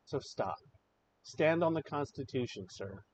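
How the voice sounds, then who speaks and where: A man's voice: fairly high pitch, animated, measured pace, a little mellow. A man hosting a live show, giving impassioned, emotional political commentary and swearing freely. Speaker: livestream show host. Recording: slightly dull audio with faint noise.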